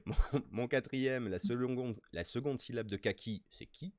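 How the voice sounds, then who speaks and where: A man with a French accent hosting a casual nature live stream, playful and excitable as he reads the chat aloud. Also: mid-range voice, slow, dry recording, clean studio sound. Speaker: streamer host.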